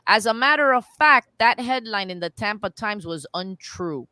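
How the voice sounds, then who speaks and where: Animated woman reading out news. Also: medium pitch, normal speed, no echo. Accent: Floridian. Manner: animated, reads quotes aloud with restarts. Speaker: talk show co-host. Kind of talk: political commentary, reading articles aloud.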